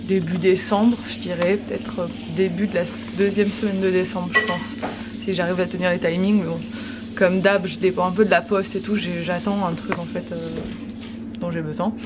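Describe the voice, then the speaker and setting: A woman's voice: on the low side, little pitch movement, normal speed. A woman chatting casually about everyday life as a vlogger. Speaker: vlogger and mother. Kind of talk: casual vlog chat. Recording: clear background noise.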